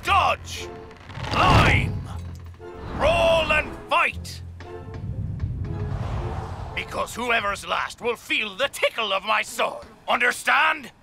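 A man's voice: very high-pitched, expressive, drawn-out words, pauses often, sharp tone, full character voice. A man voicing a blustering cartoon pirate captain who barks orders and insults at his crew. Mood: commanding. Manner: barking orders, gruff insults. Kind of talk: cartoon voice acting. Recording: music underneath.

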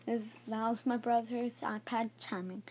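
A woman showing off trading cards in a casual video, naming each one haltingly and unsure of some names. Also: fairly high pitch, fairly even intonation, a little mellow, slight background noise. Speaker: card showcase vlogger. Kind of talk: casual card showcase.

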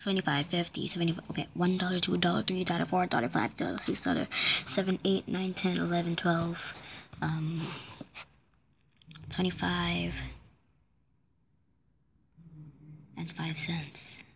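Woman playing a deadpan robot-ish cashier lady, low quiet voice, same line over and over. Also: unhurried, slight background noise. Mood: counting. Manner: flat, quiet, monotone insistence. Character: stubborn, robotic female cashier. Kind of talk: playful make-believe skit.

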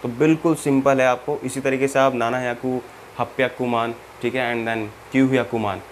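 A man's voice: mid-range voice, steady tone, normal speed, a little hiss or hum. A man teaching a Japanese language lesson, patient, repeating each step and checking that the learner follows. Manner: mixes in English terms, spells out each example.

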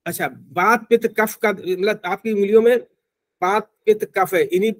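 A man's voice: high-pitched, steady tone, normal speed. A man teaching acupressure in an online class, explaining informally with frequent restarts and fillers.

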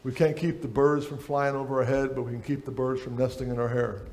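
A middle-aged man delivers a sermon from a lectern on a church stage. His voice is warm and mellow, at a middling pitch, and he reads long passages from a book between his own remarks. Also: little pitch movement, fairly quick, a little hiss or hum. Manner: preaching while reading aloud from a book. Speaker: preacher.

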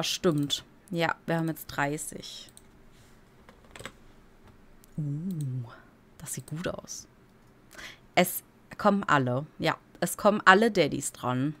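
A woman's voice: lowish voice, a bit bright. A woman giving casual gameplay commentary as a let's play streamer, chatty and giggly and playfully silly.

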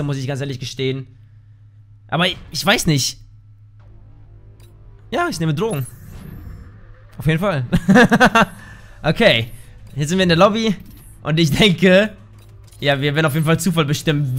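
A man giving casual gameplay commentary, excitable, yelping and swearing at the game into a desk microphone at home. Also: fairly high pitch, normal speed, pauses often, faint music behind. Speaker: gaming YouTuber.

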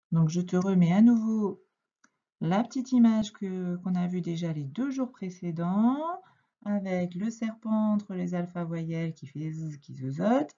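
Woman schoolteacher, French accent, slightly husky, clear explanations, lo-fi recording. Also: on the low side, mellow. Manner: slow, clear, patient explaining with stretched words. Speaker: primary school teacher. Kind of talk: reading lesson for young children. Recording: dull, lo-fi home recording.

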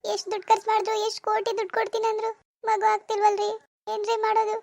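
A woman's voice: extremely high pitch, very fast, dry recording. A woman voicing a grieving, defensive mother-in-law in a cartoon. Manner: wailing laments, then stern rebukes. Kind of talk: animated cartoon voice acting.

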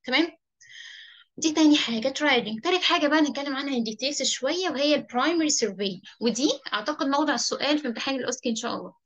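A young woman with an Egyptian Arabic accent giving a medical lecture, mixing in English terms, slowing to read them out, and often checking in with her listeners. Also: high-pitched, a bit bright. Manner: frequent checking "تمام؟" with listeners.

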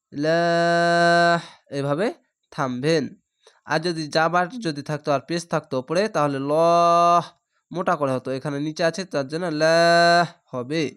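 Male teacher, spelled-out recitation lesson; patient, methodical, clear resonant tone. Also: a little high. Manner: patient, spells each letter and vowel, then blends the syllables. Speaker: Quran reading teacher.

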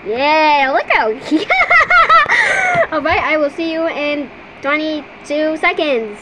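A woman's voice: sits high, big pitch swings, slow, heavy background noise. A female gamer chatting casually and giggling as she plays, with lots of ums along the way, at home at her computer. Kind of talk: casual game commentary.

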